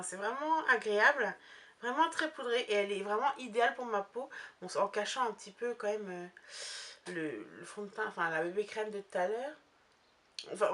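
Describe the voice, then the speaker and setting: A woman's voice: medium pitch, a bit bright. A young woman talking casually through a makeup haul, rambling with many fillers and restarts. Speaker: beauty vlogger.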